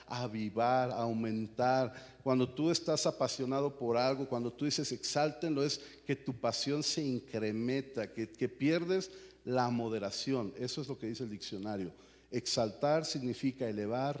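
A man, preaching a sermon as the pastor of a church, at times rising to shouts. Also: mid-range voice, in a large hall. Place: church hall.

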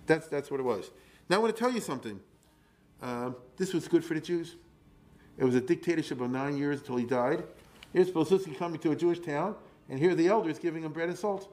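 A man's voice: a little high, quick pace, darkish tone. A man lecturing informally on history to listeners, in a colloquial, rambling way, often checking that they follow. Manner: acts out paraphrased quotes in plain colloquial speech.

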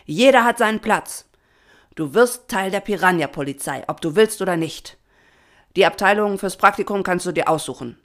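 Papa Patron, a woman playing a stern piranha boss. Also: fairly low pitch. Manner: loud commanding barking. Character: stern proud male piranha police chief.

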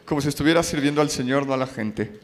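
A man's voice: mid-range voice, fast talker. A man interpreting a sermon phrase by phrase, with occasional stumbles and restarts. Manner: follows each phrase, some stumbles and restarts. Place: church. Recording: long church reverb.

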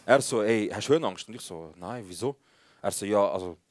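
A young man with a Swiss German accent tells a live podcast story at a rapid clip, acting out every line of dialogue in slangy banter. His voice sits at an ordinary pitch and sounds dry and close. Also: no room sound. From Switzerland. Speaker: podcast co-host.

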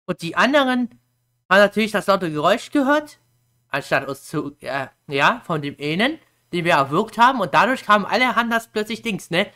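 A woman's voice: mid-range voice, big pitch swings, brisk, pushed and bright. A woman youtuber casually explaining a game's plot, chatty and slangy, acting out quotes.

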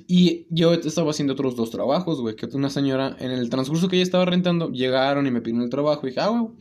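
A young man with a Mexican Spanish accent telling a story in casual chat, slangy and animated, laughing often. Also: medium pitch, fast talker.

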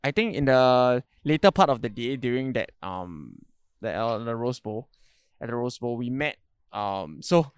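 A man's voice: mid-range voice, big pitch swings, unhurried, smooth, no echo, clean studio sound. A man with a Singaporean accent chats casually in Singlish, telling stories with slangy words and particles like lah and sia. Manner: slangy, says dude and bro. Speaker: podcast co-host.

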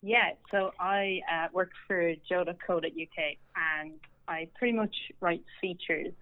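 Young woman, podcast guest, chatty and giggly, lowish pitch, slightly dull lo-fi sound. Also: steady tone, a little slow. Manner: chatty, laughs easily, filler-heavy. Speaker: podcast guest, entertainment writer. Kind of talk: casual podcast chat.

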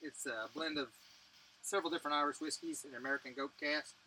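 Male podcast co-host, loose and profane, bright lively voice, faint noise behind. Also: on the high side, fast, poor audio. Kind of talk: casual chat over drinks.

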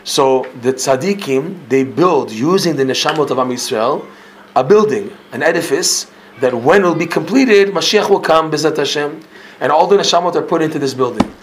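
A man teaching a religious class in storytelling style, swinging between loud emphatic bursts and low quiet asides, peppering his talk with Hebrew and Yiddish terms and correcting himself mid-sentence. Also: expressive, moderate pace, slight background noise.

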